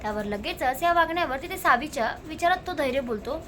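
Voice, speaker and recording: Recapping a television serial episode, this woman narrates in a lively way and quotes line after line from the characters. She speaks a little fast, her voice sits high, and there's a faint noise in the background.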